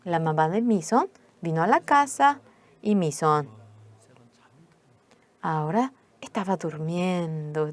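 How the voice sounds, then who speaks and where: Slow-speaking woman interpreting a sermon. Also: deep voice. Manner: slow, measured storytelling. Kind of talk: sermon testimony in Spanish voice-over.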